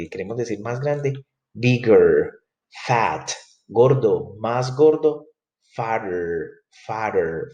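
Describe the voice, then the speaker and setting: A man teaching English grammar, explaining rules in a lively way, repeating and spelling out each example slowly. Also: fairly low pitch, dull audio. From Colombia. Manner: animated, repeats and spells words out, slows for examples.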